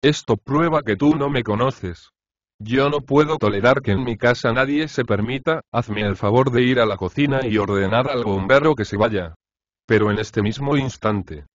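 A man reads a bossy, fussy wife who nags and gives orders. The voice sits at a middle pitch and is recorded close and dry. The sound is a little dull, as on a modest audiobook. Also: normal speed, no echo, lightly acted. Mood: imperious. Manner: imperious and nagging.

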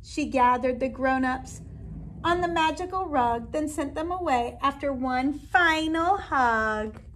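High-pitched woman reading unhurriedly to children. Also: slow, slight background noise. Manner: expressive, animated delivery to children. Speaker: kindergarten teacher. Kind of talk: read-aloud storytelling for young children. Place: indoor classroom.

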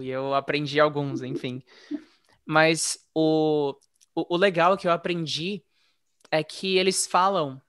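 A man telling his story in a relaxed, chatty way, as a guest in a casual interview. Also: a little high, no echo, clean studio sound. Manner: relaxed, chatty, frequent "né?" tags. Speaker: interview guest, former English teacher living abroad.

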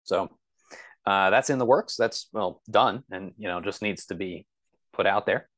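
Over a video call, a podcast guest who is an author and computer science instructor answers interview questions conversationally. He explains things thoughtfully, with some hesitation. His voice is low-pitched and fairly bright, and he keeps a measured pace.

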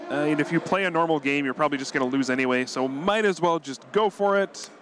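A man calling a live card-game tournament match play by play, quick and analytical, chuckling often. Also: fairly high pitch, crowd noise. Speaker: tournament commentator.

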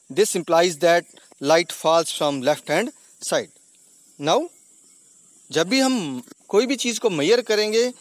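High-voiced male teacher, dry sound. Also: no room sound. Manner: asks questions and answers them himself; mixes Hindi with English terms. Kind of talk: slide-based physics lesson voice-over. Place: not on camera, voice over slides.

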